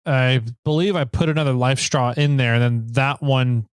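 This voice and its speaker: A man's voice: medium pitch, steady tone, moderate pace, smooth, dry recording. American man co-hosting, dry close sound. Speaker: podcast co-host. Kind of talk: casual podcast chat.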